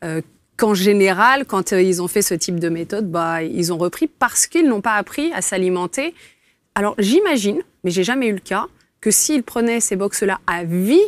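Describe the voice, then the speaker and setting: A woman in her forties, a dietitian, explaining in a lively way with frequent hesitations and fillers in a casual interview. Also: mid-range voice, normal speed, dry recording. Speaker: dietitian guest.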